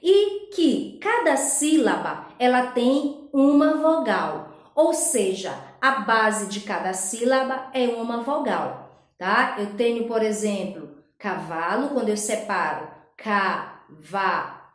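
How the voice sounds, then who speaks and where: A Brazilian woman teacher with a high voice works slowly through a recorded lesson. She explains step by step and keeps checking that the class is following. Her voice rings around an echoey room. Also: animated. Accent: Brazilian Portuguese.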